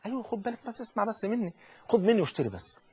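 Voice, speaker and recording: A man with an Egyptian accent preaching a lively colloquial sermon, speaking straight to the listener and acting out the people he quotes. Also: sits high, very fast, breathy edge. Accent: Egyptian Arabic. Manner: animated, addresses listener directly, acts out quoted speech.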